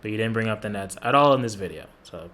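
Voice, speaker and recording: A man's voice: fairly low pitch, expressive, fast, a bit bright. A man doing reaction commentary on a basketball video, with sarcastic, profane trash talk.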